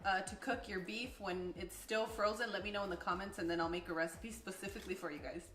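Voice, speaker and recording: A woman's voice: mid-range voice, fairly even intonation, fast talker, a bit bright, echoey room. A woman hosting a home cooking video, explaining each step in an upbeat, chatty way and laughing often. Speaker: cooking channel host. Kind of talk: casual cooking demonstration. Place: home kitchen.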